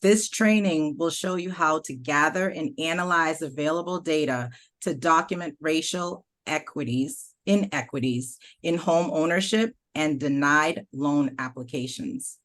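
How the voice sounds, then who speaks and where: A woman with a low voice hosts an online training session. She reads a formal, scripted overview for the participants. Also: measured pace, a bit bright. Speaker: event host. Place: online meeting.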